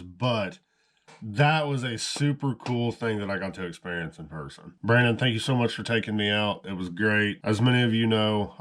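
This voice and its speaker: A man casually narrating a hunting vlog outdoors, chatty and easygoing, explaining things as he goes on an action camera. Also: on the low side. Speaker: hunting vlogger. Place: outdoors in a rural field.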